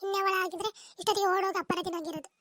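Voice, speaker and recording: Woman doing a high-pitched cartoon daughter-in-law, snappy comebacks, rattles off fast. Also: fairly even intonation, a bit bright, dry recording, studio quality. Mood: retorting. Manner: quick, retorting, argumentative. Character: sharp-tongued young daughter-in-law, defensive. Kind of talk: comic cartoon dub.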